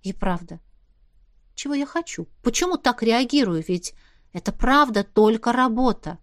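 A woman with a fairly high voice narrates a novel in the first person, steady and expressive. The recording is close and dry, with no room sound around her. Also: normal speed, dry recording. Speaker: audiobook reader.

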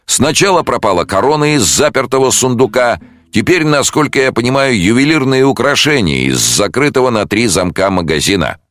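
A man's voice: mid-range voice, expressive, a little fast, a bit bright, no echo, studio quality, voice pushed up, natural voice. A man voicing a stolid police sergeant who speaks in a formal, official manner. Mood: officious.

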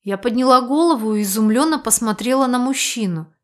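A woman narrating a first-person audiobook romance in an expressive, emotional reading style. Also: on the high side, brisk.

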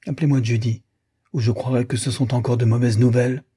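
A man's voice: mid-range voice, steady tone, fast talker, warm tone, slightly rough, voice pushed up. A man reading an audiobook, voicing an anxious young woman who pleads with emotion. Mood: pleading.

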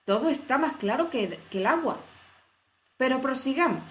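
A woman's voice: sits high, lively intonation, moderate pace, voice pushed up. A woman voicing a pompous, self-satisfied fairy-tale king who is pleased with his own jokes, in a children's audio story. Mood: triumphant.

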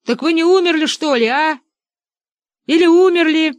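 A woman doing a bewildered shouting young man. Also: high voice, normal speed, no room sound, pitched above the performer's own voice, natural voice. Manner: shouting in disbelief.

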